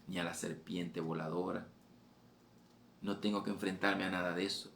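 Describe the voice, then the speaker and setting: A man's voice: low-pitched, vocal fry. A man preaching a fervent sermon, repeating phrases and raising his voice on exhortations. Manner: fervent, repetitive, voice rising on quoted exhortations.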